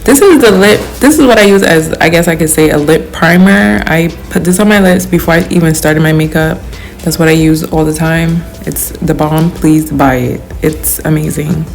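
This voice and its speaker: A woman's voice: low voice, normal speed, creaky, faint music behind. A young woman giving a casual, chatty makeup tutorial voice-over in informal, slangy, emphatic language. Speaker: beauty vlogger.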